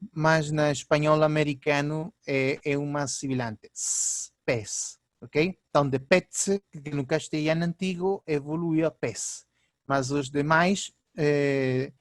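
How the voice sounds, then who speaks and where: A male linguistics professor, lecturing through slides in a halting way, with many fillers and "ok?" checks. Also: a little high, no echo.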